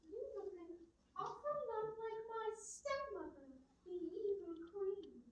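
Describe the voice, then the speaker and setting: The sound is very echoey and distant, with faint noise. A woman plays a chirpy, gullible young princess in a comic fairytale play, her voice extremely high. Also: very animated, slow, dull audio, full character voice. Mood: sweetly naive. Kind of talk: exaggerated comic fairytale stage acting.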